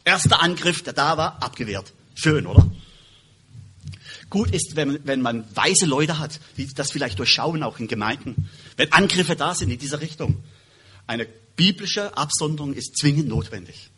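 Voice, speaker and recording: A man preaching a sermon and reading Bible verses aloud, stressing words loudly and then dropping quietly, often restarting words. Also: fairly high pitch, expressive, moderate pace, husky. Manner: emphatic, swings between loud stresses and quiet drops; self-correcting, restarts words.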